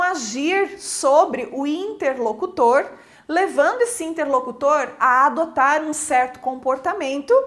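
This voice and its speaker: A woman teacher with a high, slightly bright voice gives a recorded grammar lesson, explaining things step by step. She keeps checking in with her listeners and acts out example interjections with shifting intonation.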